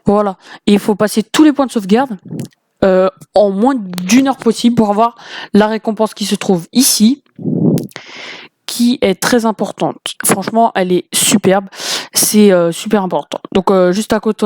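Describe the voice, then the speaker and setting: A woman's voice: mid-range voice, darkish tone, dry recording, studio quality. A woman hosting a gaming video, explaining a game step by step in a casual, hesitant way with many fillers. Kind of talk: casual game walkthrough commentary.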